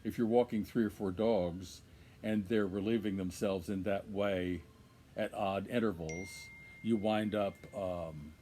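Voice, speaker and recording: An older man with a fairly low voice tells long, wandering stories. He hesitates often and fills his pauses with "uh" and "um" as he interviews his guest. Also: steady tone, mellow, slight background noise. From Minnesota. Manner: rambling storyteller, many fillers. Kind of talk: casual interview.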